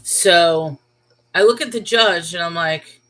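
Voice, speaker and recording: Speaking slowly in a lowish, fairly bright voice, the channel host shares a personal story on her livestream over poor audio. She's from New York and keeps it casual and chatty, checking in with "okay?" and "all right?" and musing aloud with rhetorical questions.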